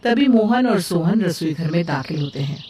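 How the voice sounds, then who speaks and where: A woman narrating a cartoon story in an even storytelling manner. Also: on the low side, normal speed, recorded from a distance, slight background noise. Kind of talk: scripted narration.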